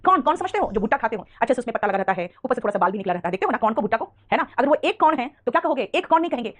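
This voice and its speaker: A high-voiced Indian woman teaches an English grammar lesson at a rapid clip. Her tone is brisk and fondly scolding, like a teacher coaxing students through common mistakes. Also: lively intonation. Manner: fast, scolding-affectionate, calls students "beta". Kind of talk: online grammar class.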